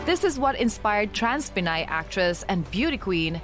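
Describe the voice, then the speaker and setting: A woman narrating a scripted news feature segment in a polished, measured storytelling delivery. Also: mid-range voice, big pitch swings. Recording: music bed underneath.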